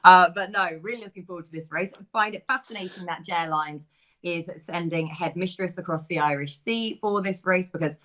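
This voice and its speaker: A woman's voice: on the low side, fairly quick, a bit bright. A woman hosting a horse racing preview, chatty and upbeat, handing over to her guests. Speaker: host.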